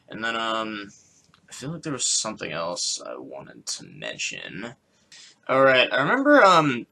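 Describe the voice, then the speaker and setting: A teenage boy vlogging in a casual, rambling way, full of fillers and restarts and quick laughs. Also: fairly low pitch, bright, forceful tone, poor audio. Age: teens. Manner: hesitant, many fillers and restarts, laughs often.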